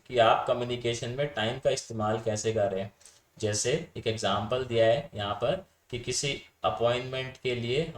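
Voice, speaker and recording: A man gives an exam-prep lecture in a mid-range voice, chatty and informal. He keeps calling his students "sir" and checking that they understand. The sound is roomy and echoey. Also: medium pitch. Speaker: teacher. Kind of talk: Hindi-English lecture on communication theory.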